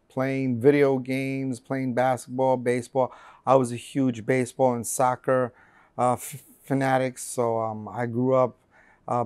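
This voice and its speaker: The voice is a man's, medium in pitch, clear and resonant, a little mellow, with no room sound. He's a Colombian interview guest in his forties, earnestly sharing his life story through many fillers and false starts. A lapel mic captures him in a bright room with large windows.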